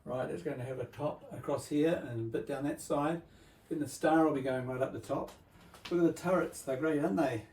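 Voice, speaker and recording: A man presenting a workshop vlog to children as a builder, in a bright kids' party host manner, explaining things simply and checking in with tag questions. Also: on the high side, fairly quick.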